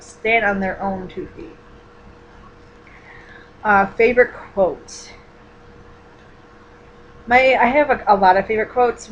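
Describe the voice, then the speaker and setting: A woman's voice: on the low side, dull audio, a little hiss or hum. A woman in her twenties chatting casually in a vlog, rambling with many fillers and restarts as she answers personal questions. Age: 20s. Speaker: vlogger.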